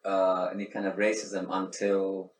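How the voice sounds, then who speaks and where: In an echoey room, picked up by a distant mic over faint background noise, a middle-aged Sri Lankan man gives a casual, reflective interview full of restarts and fillers. His low voice is monotone and measured in pace.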